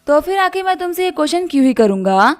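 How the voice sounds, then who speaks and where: A woman voicing a calm, unbothered young man in a manga recap, speaking curtly. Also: high voice, fast talker. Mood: cool. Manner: calm, curt.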